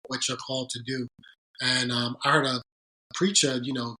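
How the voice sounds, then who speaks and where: Crowd noise sits behind a man's mid-range voice, which shows little pitch movement, and the recording quality is low. He is a podcast guest looking back on his work as a sports agent, speaking earnestly and thoughtfully while often breaking off to restart sentences.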